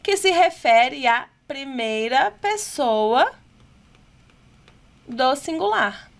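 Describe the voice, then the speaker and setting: High-voiced Brazilian woman teaching English. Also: lively intonation. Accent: Brazilian Portuguese. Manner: asks rhetorical questions, reads English items slowly and deliberately. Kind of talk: exam-prep lesson explaining test questions.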